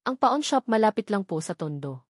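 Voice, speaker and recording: A woman's voice: mid-range voice, big pitch swings, moderate pace, breathy edge, dry recording, studio quality. A woman narrator voicing a polite, businesslike male investigator reporting to his boss. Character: deferential male private investigator.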